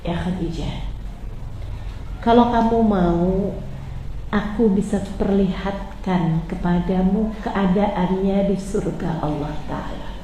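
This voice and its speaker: A woman voicing a gentle, consoling husband, speaking softly and slowly in a lower voice. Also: very echoey, dull audio, a little hiss or hum, natural voice. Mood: tender consoling. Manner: soft, slow, tender. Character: gentle consoling husband, calm grown man.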